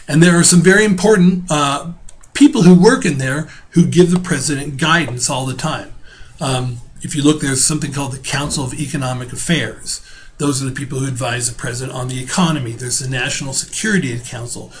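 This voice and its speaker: A man's voice: medium pitch, slight background noise. Man giving a casual video lecture. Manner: conversational, with fillers and restarts; spells out terms slowly. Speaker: teacher.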